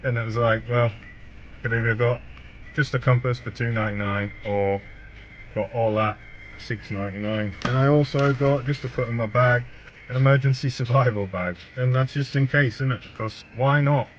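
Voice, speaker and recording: A vlogger chats casually to the camera in a medium-pitched voice at a moderate pace, rambling a bit with wry, self-deprecating understatement. The lo-fi audio carries a little hiss or hum.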